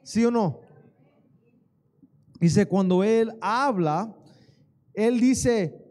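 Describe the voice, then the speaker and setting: A pastor preaching a sermon in church, calling out questions for the congregation to answer. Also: male voice, high voice, drawn-out words, a little mellow. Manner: preaching with call-and-response to the congregation. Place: church sanctuary.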